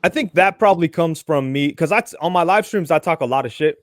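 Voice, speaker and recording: A man's voice: on the high side, fast, no room sound, studio quality. A man chatting casually as a podcast guest, telling stories full of swearing. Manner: profane, animated storyteller. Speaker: guest, toy and collectibles YouTuber.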